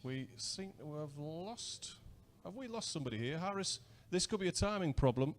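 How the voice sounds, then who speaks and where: A man's voice: a little high, lively intonation, moderate pace. A man with a British accent doing live race commentary, chatty and asking his co-commentator questions. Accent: British English.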